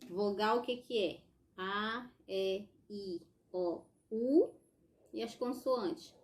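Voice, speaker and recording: A woman's voice: medium pitch, drawn-out words, a little mellow. A woman with a Brazilian accent, a primary school teacher giving a recorded lesson to young children, patient and explanatory, often checking in with short tags. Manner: patient and explanatory, tagging sentences with "tá?" and "ó".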